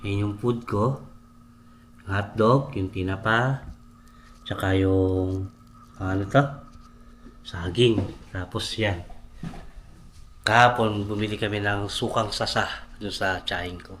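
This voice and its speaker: Low-pitched Filipino man, missing front teeth. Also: fairly even intonation, takes it slowly, pauses often, fairly bright tone, a little hiss or hum. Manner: chatty, informal. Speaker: vlogger. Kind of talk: casual vlog chat to viewers. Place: home kitchen while cooking.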